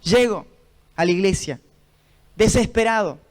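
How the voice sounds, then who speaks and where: A man with an Argentine Spanish accent, preaching a sermon in church as pastor, telling stories with fervent passion and rising to shouts. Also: high-pitched, lively intonation, measured pace, low-quality recording.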